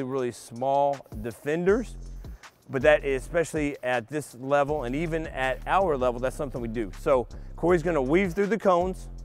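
A middle-aged man coaching basketball, calmly explaining drills step by step to young players in a large empty indoor arena. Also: on the high side. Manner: patient step-by-step explaining to kids. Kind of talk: instructional clinic demonstration.

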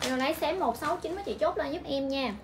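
A young woman with a Vietnamese accent pitches clothes live from a shop, her voice high and bright. She repeats each price again and again in a brisk selling patter. Clear background noise from the shop runs under her. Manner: repetitive, rapid-fire price calling. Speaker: livestream clothing seller. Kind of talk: livestream sales pitch.

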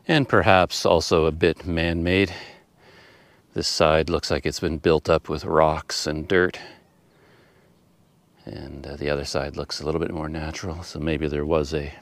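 Middle-aged male travel vlogger, low register, casual and unscripted, thinking out loud in the open air. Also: no echo. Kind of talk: casual unscripted vlog commentary. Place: outdoors on open countryside paths and roads.

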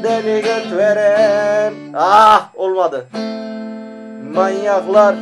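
Young male host, very high voice, slow-paced joking singer over guitar. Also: flat delivery. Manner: slow, crude, playful singing. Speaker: gaming video host. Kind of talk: joking talk and improvised song over guitar.

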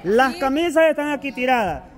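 Brief: man, game host outdoors, very high voice, bossy and animated, crowd chatter behind. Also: moderate pace. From El Salvador. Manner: loud, animated, bossy calling of rules and commands. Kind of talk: explaining and refereeing an outdoor group game. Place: outdoors with a group of players.

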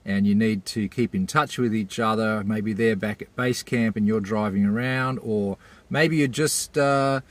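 A man in his forties with an Australian accent speaks in a lowish voice at a measured pace. He's a laid-back, colloquial vlogger talking casually and without a script.

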